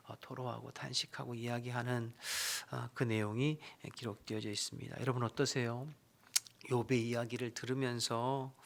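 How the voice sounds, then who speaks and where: Gravelly, bright-voiced male pastor preaching. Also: mid-range voice. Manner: reads scripture aloud, then paraphrases it with pleading emotion. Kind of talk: early-morning sermon. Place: church.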